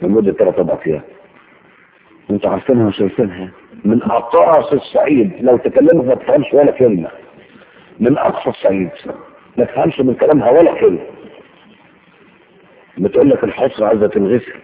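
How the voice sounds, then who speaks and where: A man preaching in colloquial Egyptian Arabic, telling anecdotes and reciting verses slowly for emphasis. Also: creaky, narrow, tinny audio, slight background noise. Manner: animated storytelling, swings between loud emphasis and low asides, recites verses slowly.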